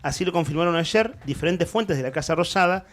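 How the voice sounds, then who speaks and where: A man's voice: a little high, a little fast. A man with an Argentine accent hosting a morning radio show, commenting on the news in a rambling way with many restarts. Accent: Argentine Spanish. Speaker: radio host. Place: radio studio.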